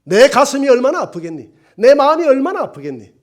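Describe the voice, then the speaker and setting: A male pastor voicing God as a sorrowful father, speaking hushed and tender and then crying out in anguish. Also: very high-pitched, sing-song, a little fast, voice pushed up.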